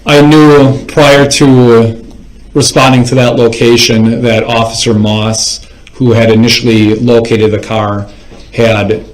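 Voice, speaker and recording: A man testifying in court as a police officer, giving formal, measured, report-style answers. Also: mid-range voice, little pitch movement. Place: indoors in a courtroom. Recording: echoey courtroom microphone.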